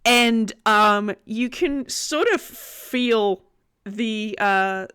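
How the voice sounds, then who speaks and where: A woman's voice: on the high side, extremely slow, sharp tone, clean tone. A woman narrating a tabletop game as game master, improvising in an informal, conversational way.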